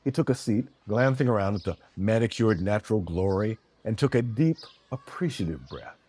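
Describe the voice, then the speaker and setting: A man narrating a fantasy story in a steady, descriptive way. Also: fairly low pitch, normal speed.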